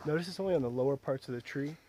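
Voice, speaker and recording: A man's voice: on the high side, racing, warm tone, a little hiss or hum. A man making casual observations as a companion on an outdoor trek. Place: outdoors in woodland.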